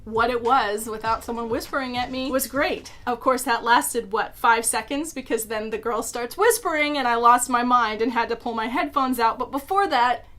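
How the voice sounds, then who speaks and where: A woman's voice: fairly high pitch, moderate pace, few pauses, a bit bright. A young woman, a YouTube creator, chatting casually as she explains something, with frequent "like" fillers and self-deprecating asides.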